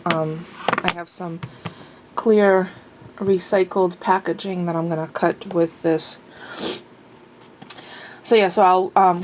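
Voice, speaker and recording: There's a little hiss or hum under this woman's lowish voice as she vlogs from her home. She rambles in a chatty, casual way, a bit sniffly and full of fillers.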